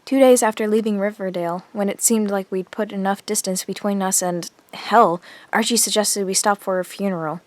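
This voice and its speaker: An actress plays an earnest teenage girl narrating her diary in a zombie audio drama, confiding and reflective, in a grieving mood. Her natural, mid-range voice holds a steady tone and runs a little fast with few pauses, in a dry recording with music underneath.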